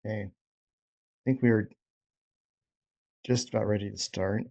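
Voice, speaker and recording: His voice sits on the low side, steady, creaky and mellow, at a moderate pace. He hosts a casual group coaching session by video call, checking in with participants in an informal, encouraging way. The call audio is dull and lo-fi.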